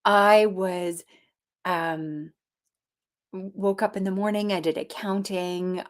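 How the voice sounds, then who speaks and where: Animated woman telling a personal story. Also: medium pitch. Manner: animated, acts out voices in quoted dialogue; frequent fillers and restarts.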